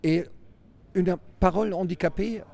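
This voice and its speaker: A man with a German accent, a circus performer answering interview questions in a halting, reflective way with many restarts. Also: high-pitched, steady tone, creaky, mellow.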